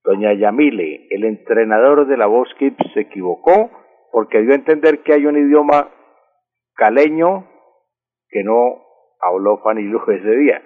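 A man explaining word usage on a radio language segment, patient and methodical, repeating key words slowly. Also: medium pitch, animated. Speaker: language expert answering listeners. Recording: husky voice over a tinny phone line with long reverb.

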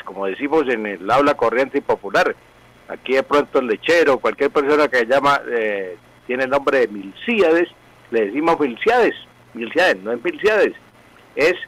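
A man, a language professor explaining pronunciation on a radio segment in a slow, didactic way, drawing out syllables. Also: mid-range voice, fairly bright tone, rough recording. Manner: didactic, slowly spelling out pronunciation.

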